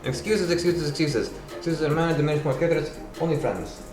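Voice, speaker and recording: A man's voice: fairly high pitch, expressive, fast, pitched above the performer's own voice, close to an everyday voice. Man acting a scornful, morally shabby man, echoey. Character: scolding man of diminished moral character. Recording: echoey room with background music.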